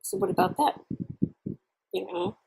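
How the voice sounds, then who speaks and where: A woman chatting candidly and casually to camera in a halting, reflective way, chewing while she talks. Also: a little mellow, poor audio. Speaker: vlogger. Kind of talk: casual personal chat to camera while eating.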